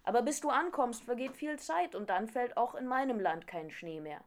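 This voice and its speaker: A chatty songbird that has flown all over the world, explaining things in a bright, chirpy tone. A woman voices it while reading a storybook aloud. Told in a lightly lifted storybook voice. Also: a little high, animated, moderate pace, voice pushed up. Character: chatty well-traveled talking songbird.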